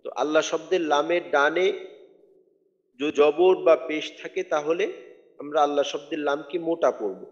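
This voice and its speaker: A man teaching Quran recitation, patiently spelling out letters and drawing out words slowly. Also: fairly high pitch. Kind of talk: tajweed lesson. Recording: dull audio with long hall reverb.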